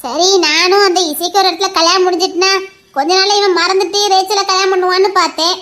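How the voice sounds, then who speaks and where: This woman voices a middle-aged mother in an amateur audio drama, defensively shielding her son and arguing with her husband through pleas and reasoning. She talks fast in a very high-pitched, sharp, steady tone.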